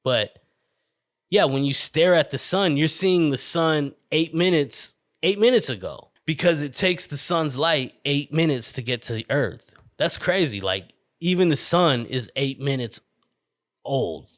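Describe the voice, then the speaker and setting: A man's voice: on the high side, expressive, measured pace, a bit bright, no echo, studio quality. A man hosting his own podcast, rambling and swearing through a casual solo rant full of fillers and restarts. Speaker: podcast host. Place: indoor room with a window.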